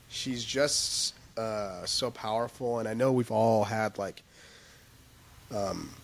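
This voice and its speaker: A man, the music director, in a casual podcast chat, speaking in a halting way as he searches for words. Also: lowish voice, gravelly, a bit bright, slight background noise.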